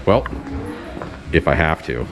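A man's voice: rumbling low, expressive, slow pace. A man filming a casual shopping vlog in an antique mall, chatty and enthusiastic about collectibles. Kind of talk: casual chat. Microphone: handheld camera, filming. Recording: background music over it. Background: loud background music.

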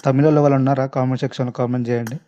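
Rapid-fire and with little pitch movement, this man's mid-range voice comes through on dull audio. He hosts gaming videos, chatting casually and directly to viewers in a Telangana Telugu accent, with faint background noise and clicks behind him.

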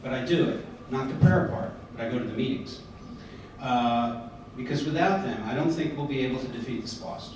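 This middle-aged convention speaker from the United States reads a prepared speech at a podium earnestly, stumbling into fillers and restarts often. His medium-pitched voice is a little mellow. Recorded via podium mic and filmed from afar, the large hotel hall sounds echoey with background noise.

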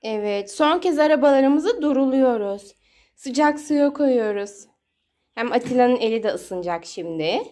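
Playing with her young child by the water tubs at home, a mother talks slowly in a high, dark-toned voice with lively intonation. Her narration is sing-song baby talk with lots of repeated words, recorded on a noisy phone with clicks.

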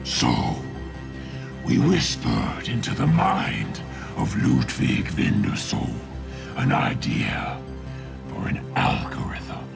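A man voicing an ancient, scheming demon villain in a tabletop game, deep and whispery, with slow theatrical menace. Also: wildly swooping pitch, gravelly, over music, heavily acted. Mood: sinister scheming.

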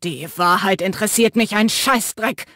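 A furious young man, acted by a woman growls out short, hateful insults, loud and biting. He is fully out of control. The recording is dry and close. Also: high-pitched, normal speed, no echo.

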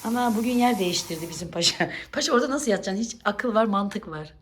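A woman's voice: medium pitch, animated, quick pace, slight background noise. A woman vlogging at home, coaxing and teasing her pet cat and scolding it playfully in casual pet talk.

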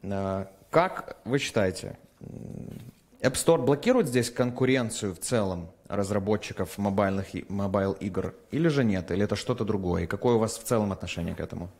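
A man hosting an online interview, asking long rambling questions with animated asides. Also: on the low side, a little fast. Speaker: interview host.

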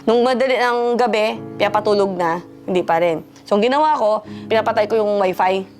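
A woman's voice: mid-range voice, a little fast, darkish tone, soft background music. Woman, parent figure, stern lecturing delivery, pointed questions, mid-range voice. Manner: scolding, asks pointed questions. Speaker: parent figure counseling a youth.

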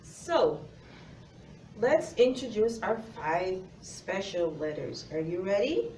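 A woman's voice: mid-range voice, very animated, slow pace, warm tone. A middle-aged woman presenting a phonics lesson as a teacher, encouraging and speaking directly to young children, recorded by a camera across a classroom. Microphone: far camera. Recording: roomy, faint noise, distant mic.

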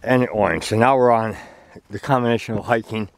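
A man talking casually while walking a woodland trail, filming from behind a handheld camera, relaxed and chatty with fillers. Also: lowish voice, fairly quick, vocal fry, no room sound. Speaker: hiker filming a trail walk. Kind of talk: casual vlog narration. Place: outdoors on a leafy woodland trail. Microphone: handheld camera, speaker behind it.

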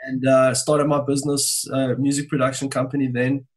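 A man's voice: medium pitch, little pitch movement, normal speed, low-quality recording. A man in his forties with a South African Johannesburg English accent, telling stories as a guest in a casual podcast chat. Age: 40s. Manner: chatty storyteller, laughs easily. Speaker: guest music producer.

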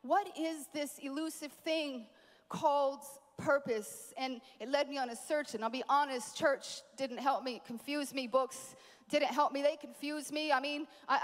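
A woman preaching a sermon at a conference, animated, with playful asides to the crowd. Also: high-pitched, long reverb tail. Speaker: conference speaker. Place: large conference hall.

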